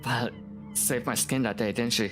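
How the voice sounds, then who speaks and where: A man's voice: mid-range voice, fairly even intonation, normal speed, over music, voice pushed down, close to an everyday voice. A man voicing a tough young woman in a game who wryly recounts an embarrassing memory. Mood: rueful.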